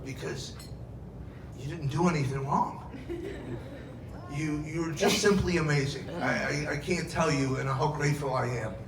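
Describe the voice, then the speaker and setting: A man's voice: on the high side, fairly even intonation, moderate pace, long pauses. A middle-aged man giving a heartfelt father of the bride speech at a wedding reception, telling family anecdotes. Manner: heartfelt, anecdotal storytelling with dramatized quotes. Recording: echoey, noisy event room, distant mic.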